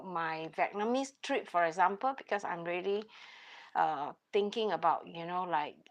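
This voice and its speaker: Creaky-voiced Singaporean woman chatting. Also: mid-range voice. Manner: hesitant, meandering, with "you know" and "like" as constant asides. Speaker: YouTube channel host. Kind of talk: casual chat to viewers.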